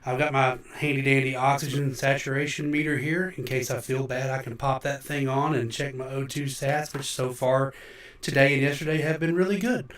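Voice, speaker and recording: Brief: middle-aged man, getting over an illness, halting and rambling, his voice echoing like a big hall and set back from the mic. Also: medium pitch, fairly even intonation, a bit bright, recorded from a distance. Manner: rambling, halting, with many fillers. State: recovering from illness, under the weather. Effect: roomy echo like a big hall. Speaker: musician livestream host. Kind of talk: casual livestream chat. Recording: echoey room, voice from off the mic.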